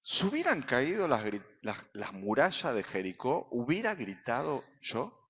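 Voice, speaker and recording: A man with an Argentine accent, a pastor preaching a sermon in a church, full of rhetorical questions and sudden shouts. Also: mid-range voice, huge pitch swings, a little slow, husky. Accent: Argentine Spanish. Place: church sanctuary. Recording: reverberant hall, dull sound.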